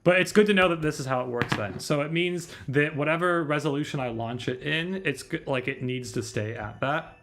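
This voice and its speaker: This livestreamer rattles along briskly with hardly any pauses, his voice a little high and fairly bright. He's playing a visual novel with music behind him, troubleshooting and chatting in casual slang with some mild swearing.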